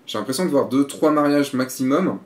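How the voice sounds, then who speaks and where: A man's voice: mid-range voice, a little fast, echoey room. A man giving a frank, casual critique of a photographer's website, blunt and given to swearing.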